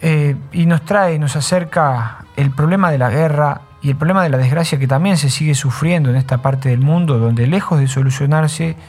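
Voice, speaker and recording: A man on the radio talks between songs in a slightly raised, even voice. He is unhurried and reflective, often closing a thought with a questioning "no?". Faint music lingers quietly behind him. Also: on the high side, slightly rough. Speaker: radio host.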